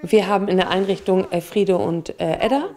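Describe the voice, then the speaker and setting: A middle-aged woman, a kindergarten staff member, calmly explaining her work in a documentary interview. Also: mid-range voice, normal speed.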